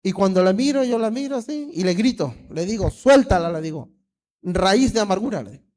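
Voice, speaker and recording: Fervent high-voiced male pastor preaching. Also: big pitch swings, fast, dark tone. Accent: Peruvian Spanish. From Peru. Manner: preaching fervently, repeats "hermano" often. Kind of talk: sermon.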